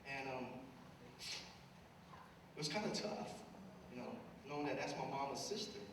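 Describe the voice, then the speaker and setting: A man in his thirties, originally from Cambodia, speaks to young people from a distance across a big hall. His voice carries a long reverb, with steady noise underneath. He talks earnestly and presses his points with tag questions. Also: medium pitch, a little slow. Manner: earnest, building to loud urgent appeals, leaning on tag questions. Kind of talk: personal story and motivational talk. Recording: echoey hall, distant mic, background noise.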